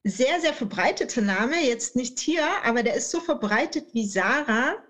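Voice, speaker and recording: A woman in her late thirties from southern Germany, an author appearing as a podcast guest, chats playfully and colloquially in a casual interview. Her voice is a little high, animated and a bit bright, at a moderate pace.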